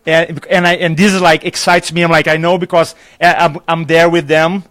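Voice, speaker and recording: At a conference venue, a public speaking trainer from Brazil sits as a guest in a live interview, his thick Brazilian accent marking him as a native Portuguese speaker. His voice is slightly high and moderately paced, captured dry. He talks with animated enthusiasm, often laughing and dramatizing conversations as he tells stories.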